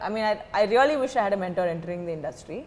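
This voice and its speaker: A woman's voice: medium pitch, lively intonation, slow, darkish tone. A woman, an actress guest, giving dry, joking answers in a casual interview. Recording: roomy reverb, faint background noise.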